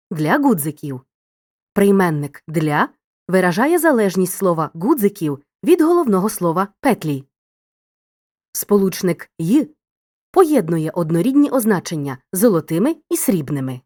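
A woman narrating a grammar lesson in a clear, scripted, teacherly way, speaking directly to the listener. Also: on the low side, big pitch swings, measured pace, darkish tone, no room sound, studio quality.

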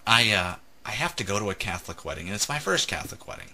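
Man, let's play host, low-ish voice, teasing, casual gameplay banter. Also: animated, fast talker, creaky, sharp tone, a little hiss or hum. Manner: joking, teasing storyteller.

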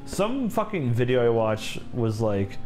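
A man's voice: mid-range voice, very animated, a little slow, a little mellow. A man doing casual gameplay commentary as he plays, joking, swearing freely and repeating his phrases. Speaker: gaming host playing the game. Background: game music.

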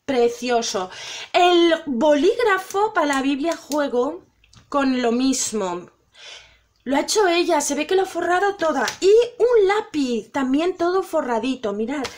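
A woman's voice: sits high, animated, measured pace, slight background noise. A middle-aged woman from Spain, gushing and emotional as she opens gifts from viewers at home, exclaiming over each one. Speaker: vlogger opening viewer gifts. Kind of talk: excited unboxing chat.

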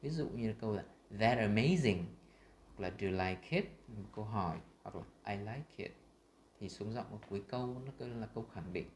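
A man with a Vietnamese accent teaching English pronunciation, saying sample words slowly and loudly between his explanations. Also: fairly low pitch, roomy sound, slight background noise. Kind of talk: screen-share lesson.

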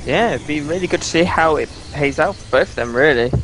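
A man's voice: on the high side, animated, quick pace, fairly bright tone, a little hiss or hum. Man calling esports play-by-play. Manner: play-by-play, repeats "as we do see". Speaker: esports caster. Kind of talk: live game commentary.

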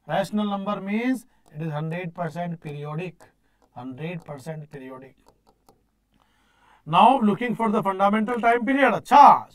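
A man in his thirties with a North Indian accent lecturing as a teacher, repeating phrases for emphasis and posing questions aloud. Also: high-pitched. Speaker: teacher of exam-prep engineering course. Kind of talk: classroom lecture mixing English with Hindi. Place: indoor teaching studio at a digital board.

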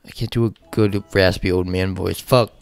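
A man's voice: low voice, steady tone, normal speed, vocal fry, clean tone, no room sound. A man giving casual, rambling let's play commentary, swearing often and talking to himself as he plays. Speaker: gaming channel host.

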